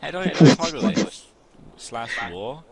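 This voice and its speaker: A man in casual gaming commentary with loud, frustrated outbursts and constant swearing. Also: mid-range voice, sing-song, moderate pace, vocal fry. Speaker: gamer. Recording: noisy mic with keyboard clicks.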